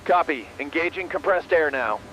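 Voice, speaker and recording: A man's voice: a little high, expressive, normal speed, fairly bright tone. Terse salvage worker over noisy audio, a man acting. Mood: steady. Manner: terse acknowledgements. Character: steady male salvage worker reporting progress. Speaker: work crew member on radio. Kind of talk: scripted radio callouts. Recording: noisy radio-style audio with clicks.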